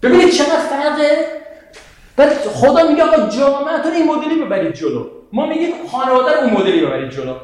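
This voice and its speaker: Animated high-voiced man lecturing in an echoey hall. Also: crowd noise. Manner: animated, asks the audience questions, quotes scripture. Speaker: religious lecturer. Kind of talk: lecture to an audience.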